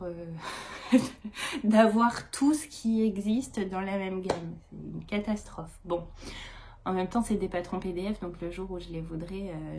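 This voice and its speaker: A woman's voice: on the low side, darkish tone, a little hiss or hum. A woman in her thirties chatting casually about her knitting and crochet projects, rambling with many hesitations. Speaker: knitting vlogger. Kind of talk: casual chat.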